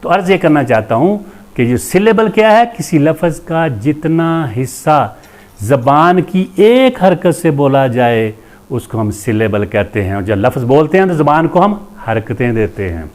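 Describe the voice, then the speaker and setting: A man's voice: a little high, big pitch swings, a little mellow. A man teaching English grammar in a classroom-style lecture, repeating each term and spelling out letters one by one. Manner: deliberate, repeats terms and spells letters aloud; opens with a religious invocation.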